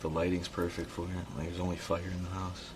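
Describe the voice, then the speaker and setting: A man's voice: low-pitched, monotone, quick pace, reverberant, far from the mic, background noise. A man streaming, teasing a friend in casual, playful chat.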